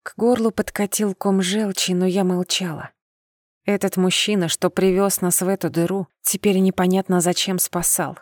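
A woman narrating a first-person audiobook in a measured, steady reading. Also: fairly low pitch, no room sound, clean studio sound.

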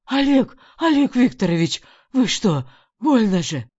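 A servile henchman in terror, as a woman voices him, high-pitched and straining. He begs loudly, and the recording sounds muffled and lo-fi. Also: very animated, measured pace, breathy edge, no echo, full character voice. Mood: anxious, pleading. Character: terrified male henchman, pleading and servile. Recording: dull lo-fi recording.

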